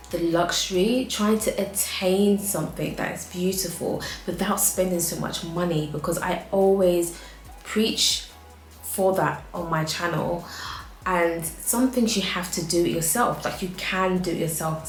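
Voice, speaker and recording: A woman's voice: fairly low pitch, echoey room. A woman with an African accent giving frank, chatty home decor advice in a casual vlog, laughing often.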